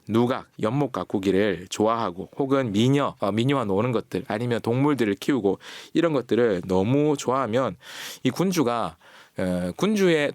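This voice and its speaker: A man talks as an author guest in a studio interview, his voice sitting in a middle register. The sound is dry and close, with no room in it. He explains with animated, acted-out quotes. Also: mid-range voice, no echo. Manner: acts out quoted lines in lively voices while explaining. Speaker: author guest on a radio talk show. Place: radio studio. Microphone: studio microphone.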